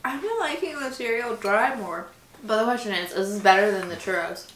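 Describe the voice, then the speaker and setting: A woman's voice: mid-range voice, lively intonation, fairly bright tone, reverberant, a little hiss or hum, rough recording. A woman chatting casually while chewing cereal, easygoing and candid, co-hosting a taste test. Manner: easygoing and candid, quick to laugh. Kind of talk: casual chat.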